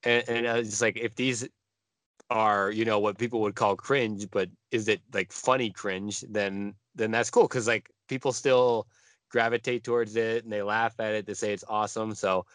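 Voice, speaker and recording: A man in his mid-twenties, a guest answering casually in a halting way with many fillers. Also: on the low side, steady tone, a bit bright, dry recording. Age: 20s. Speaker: guest musician. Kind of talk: casual conversational interview.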